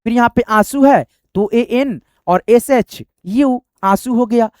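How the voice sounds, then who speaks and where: A man's voice: very high voice, slow pace, darkish tone, dry recording, clean studio sound. A man teaching a spoken lesson, patiently spelling out letters one by one.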